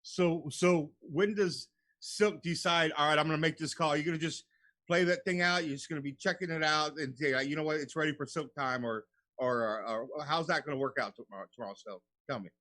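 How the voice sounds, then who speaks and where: A man's voice: fairly high pitch, fairly quick, pushed and bright, no echo. A man hosting a radio show in casual, slangy, buddy-like chat, often calling people bro.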